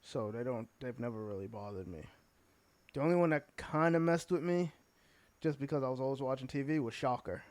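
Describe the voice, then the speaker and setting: A man's voice: mid-range voice, brisk, a little mellow. A man with a Boston accent co-hosting a podcast, laid-back and answering briefly in casual chat. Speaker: podcast co-host.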